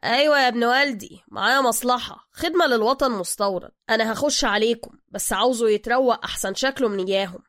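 A woman voicing a brash streetwise male taxi driver with an Egyptian accent, talking loud and fast. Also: on the high side, dry recording, studio quality, natural voice.

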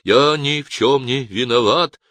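A man's voice: mid-range voice, a little slow, pushed and bright, no room sound, pitched above the performer's own voice. A man reading an audiobook voices a frightened older man who stutters and limps and pleads in panic. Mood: pleading. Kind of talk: audiobook character voice.

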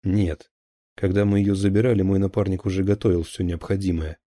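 A man's voice: low-pitched, steady tone, a little fast, dark tone. A man voicing a tense captured male security officer who gives clipped, defensive answers under interrogation.

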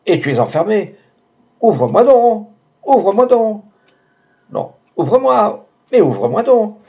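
A man's voice: sits high, sing-song, a little slow, a little mellow, lo-fi sound, pitched above the performer's own voice, exaggerated voice. A man doing a stern old doctor father. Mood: alarmed. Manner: severe and grieved, pleading when alarmed. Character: elderly male doctor, anxious, stern father.

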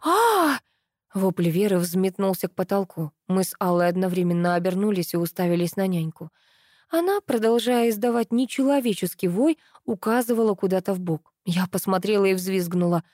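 A woman narrating a first-person novel as an audiobook, in a lively, expressive storytelling manner. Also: medium pitch, brisk, dry recording, clean studio sound.

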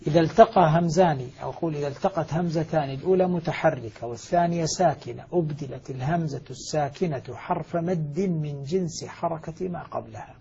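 A man's voice: on the high side, fast talker, gravelly, hardly any pauses, mellow, husky. A middle-aged man, a scholar explaining recitation rules, stressing quoted words emphatically. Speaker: Quranic recitation scholar teaching. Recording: muffled lo-fi audio.

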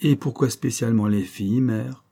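A quiet, serious young girl who speaks softly and slowly, as a man reads her. The voice stays warm and mellow. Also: mid-range voice, gravelly, husky. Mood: earnest. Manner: soft, serious.

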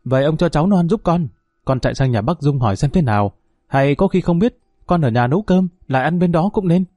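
A man voicing a hot-tempered young husband who talks earnestly and quickly to his family. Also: on the high side, expressive, warm tone, dry recording, clean studio sound.

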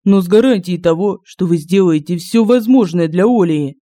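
A man's voice: high-pitched, normal speed, warm tone, no room sound, clean studio sound, lightly acted. A man doing an eager young sorcerer. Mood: earnest.

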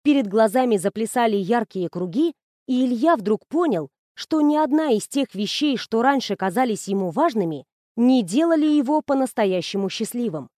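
Woman audiobook narrator, high voice, expressive storytelling, dry close sound. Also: normal speed, no echo.

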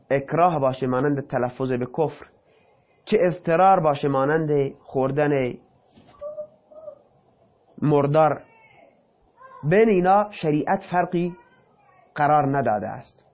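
A man with a somewhat high voice teaches a lesson. He reads a passage aloud, then explains it in loose, casual speech. The recording is dull and lo-fi. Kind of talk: reading and explaining a text.

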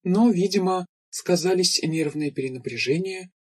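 A man reading an audiobook in steady, measured scripted narration. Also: high voice, breathy edge.

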